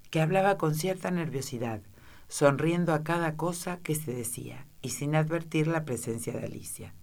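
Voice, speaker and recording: Woman reading a storybook. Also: low voice. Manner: expressive storytelling, shifting into character voices. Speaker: audiobook reader. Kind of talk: audiobook narration of a children's classic.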